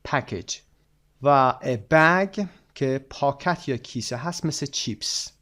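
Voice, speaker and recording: A man who speaks Persian natively, with a Persian accent, teaches from an English textbook at a middle pitch. He reads the English words slowly and with care, then gives the Persian explanations in fast bursts. He sounds like a teacher going through a lesson step by step. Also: fairly bright tone. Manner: slow, drawn-out English phrases.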